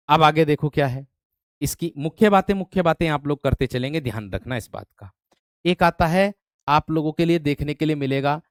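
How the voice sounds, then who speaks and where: A man teaching an online grammar class for exam students, often asking whether the class has understood and repeating words slowly as he writes. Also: fairly high pitch, smooth, no room sound, studio quality. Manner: repeats words slowly while writing on a board; asks the students frequent check-in questions. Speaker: Hindi teacher.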